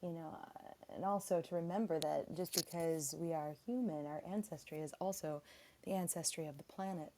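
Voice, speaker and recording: A woman guest speaking on spiritual ancestry with a calm, measured delivery, her voice faint and distant because she is too far from the phone. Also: sits low, slight background noise. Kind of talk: spiritual talk.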